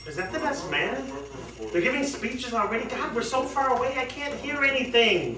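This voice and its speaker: In an amateur one-act stage play, a man plays a sulky wedding guest, a disgruntled, sarcastic husband and garage boss, grumbling, complaining, and sounding exasperated. His full character voice is extremely high-pitched, expressive, pushed, and bright, at a moderate pace. It's a roomy, distant recording from an indoor theatre studio with faint noise.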